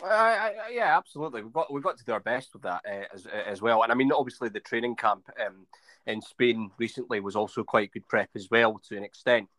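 A man's voice: mid-range voice, animated, a little fast, fairly bright tone, no room sound. A man co-hosting a football podcast in casual chat, hesitant with many fillers and restarts. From England. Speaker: podcast co-host.

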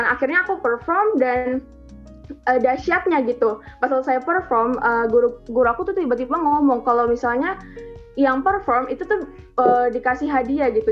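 Teen girl, high voice, earnest chatty church testimony, muffled recording with faint music behind. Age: teens. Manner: earnest, chatty, heavy use of filler tags. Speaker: student giving a testimony. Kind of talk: church testimony, casual storytelling.

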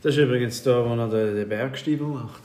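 A man with a Swiss German accent talks casually and often hunts for the next word mid-sentence. His pitch is in the middle range. The recording has a noticeably echoey room sound. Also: brisk, a little mellow. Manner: rambling, searching for words. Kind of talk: casual chat.

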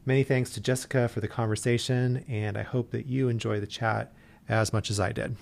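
A man's voice: mid-range voice, fairly even intonation, fairly quick, gravelly. A man hosting a podcast interview, introducing his guest in an easygoing way with frequent hesitations. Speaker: podcast host.

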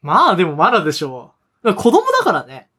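A woman co-hosting a casual talk show in a colloquial, animated way, with a stuffy, nasal voice from a congested nose. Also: on the low side, quick pace, husky. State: congested from rhinitis. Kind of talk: casual chat. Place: studio.

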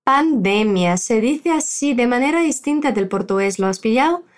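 A woman teaching a language lesson with a fairly high, very lively voice that rises and falls a great deal. She explains each point clearly and then says the example phrases slowly and carefully so the listener can repeat after her. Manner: slow, carefully spoken model phrases for the learner to repeat.

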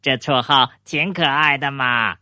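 A man's voice: medium pitch, unhurried, bright, forceful tone, dry recording, clean studio sound. A man voicing a teasing young beaver kid in a storybook reading, bouncy and playful.

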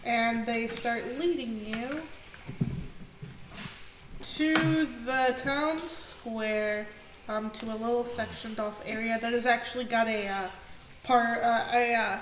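A woman narrating as game master, pausing often with fillers and correcting herself mid-sentence. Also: fairly high pitch. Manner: halting, frequent fillers and self-corrections. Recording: echoey room, off-mic, background noise.

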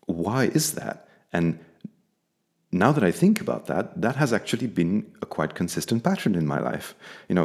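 A man's voice: rumbling low, a little mellow. A man from Belgium, speaking candidly and thoughtfully as an interview guest. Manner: thoughtful, candid, slow and measured. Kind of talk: reflective personal interview.

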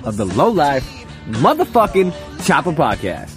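A man's voice: fairly high pitch, huge pitch swings, normal speed, fairly bright tone, faint music behind. A man co-hosting a casual podcast outdoors, plugging things in a loose, profane, informal way. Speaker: podcast co-host. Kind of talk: casual podcast banter and sponsor reads. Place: outdoors on a ranch.

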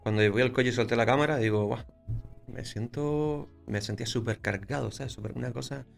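A man tells stories at a rapid clip in a casual interview. His voice has a gravelly, creaky grain, and he acts out scenes with little sound words. Faint music plays underneath. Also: mid-range voice. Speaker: photographer guest.

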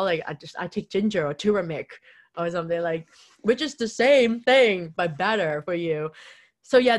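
A young woman telling a personal story in a rambling, casual way, full of fillers and quoted self-talk. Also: on the low side. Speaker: vlogger.

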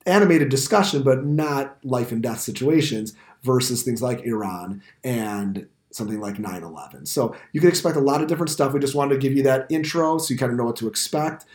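A middle-aged man with an American accent hosts a podcast in a casual interviewing style. His voice sits at an average pitch. The room adds noticeable echo around it. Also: fairly quick, few pauses, darkish tone. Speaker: podcast host and teacher. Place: indoor school podcast studio. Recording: roomy, reverberant room sound.

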